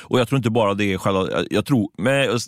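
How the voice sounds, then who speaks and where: A man co-hosting a casual news podcast, thinking aloud and often pausing on filler words. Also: fairly low pitch, no room sound, clean studio sound. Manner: thinks aloud, filling gaps with "liksom" and "eh". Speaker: podcast co-host.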